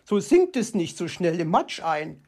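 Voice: mid-range voice, sing-song, a little slow, darkish tone. A reader voicing a nosy, know-it-all female magpie who questions and lectures in a storybook reading. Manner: bossy, inquisitive.

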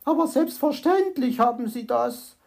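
A woman voicing a bossy, motherly female magpie nurse who talks in a brisk, self-satisfied way. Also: high voice, animated, gravelly, darkish tone, voice pushed up. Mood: fussing.

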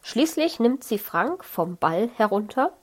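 Slow, calm woman storybook narrator. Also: on the high side. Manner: calm, measured reading. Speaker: audiobook narrator. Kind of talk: scripted children's story narration.

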